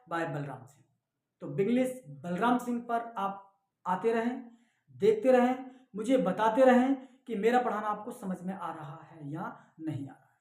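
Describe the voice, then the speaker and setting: A man's voice: high voice, darkish tone. A male English teacher with an Indian accent, explaining a lesson line by line and switching between Hindi and English, often checking that students follow. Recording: echoey room.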